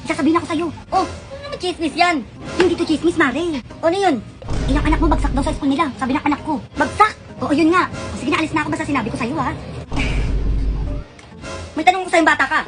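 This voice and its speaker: A woman in comic family skits, talking in a quick, scolding, exasperated way. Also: sits high. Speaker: comedy skit creator. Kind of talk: comic skits playing several family roles. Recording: skit clip with loud music behind.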